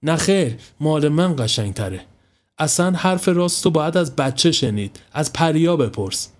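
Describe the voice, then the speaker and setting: A man's voice: a little high, animated, voice pushed up, close to an everyday voice. A male narrator voicing a stubborn, bickering young boy who argues in a whiny, insistent way, in a spoken story.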